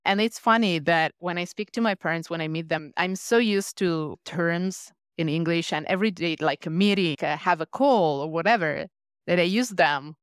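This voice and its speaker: Speaking at a normal pace, a woman with a low, smooth voice appears as a guest on a podcast. She is an Italian leadership coach with an Italian accent, and she comes across as thoughtful, reflective and earnest. The studio recording is clean, without room sound.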